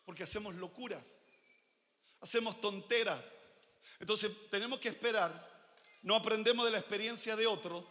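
A man preaches a sermon in a large church hall, his voice high and bright. He swings between loud, emphatic declarations and quiet asides. A long reverb trails each line. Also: normal speed, pauses often. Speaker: pastor.

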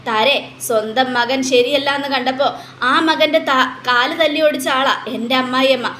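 A woman's voice: sits high, fairly even intonation, moderate pace, bright, forceful tone, a little hiss or hum. A woman voicing a stern older mother-in-law who urges punishment, in a storybook retelling. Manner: stern, urging. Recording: echoey room.

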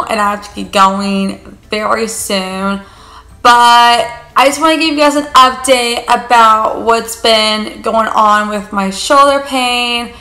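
A young woman chats to her camera from a living room couch in a bright, slightly raised voice. She rambles warmly, stacking up fillers. The room gives her voice a noticeable echo. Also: a little high. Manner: chatty, rambling, fillers of like and you guys. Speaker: vlogger. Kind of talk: casual vlog chat to camera.

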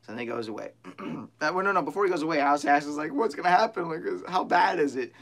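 A young man vlogging from a small bare room, animated and profane as he retells a tense story to a close camera. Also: fairly high pitch, fast talker, vocal fry.

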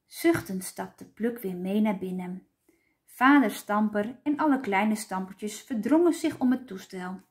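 A woman teacher reading a children's storybook aloud with clear, expressive storytelling. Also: medium pitch, measured pace.

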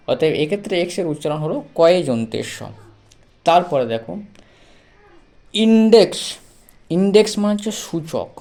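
Mellow man teaching slowly, repeating sounds. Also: on the high side. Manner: spells letters out and repeats each sound slowly; patient, addresses the learner directly. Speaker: English pronunciation teacher. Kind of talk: slow step-by-step lesson.

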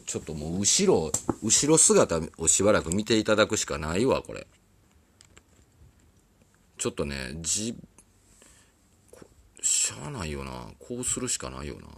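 His voice is deep and creaky, with slight background noise. A musician with an Osaka accent, he chats casually on a live stream from a recording studio, rambling, apologizing, and often laughing.

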